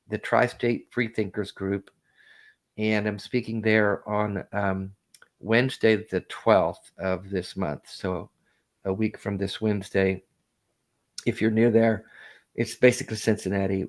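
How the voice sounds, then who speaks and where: A man hosting a call-in talk show, chatting casually with a guest, animated and often laughing. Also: lowish voice. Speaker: host. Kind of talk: casual chat.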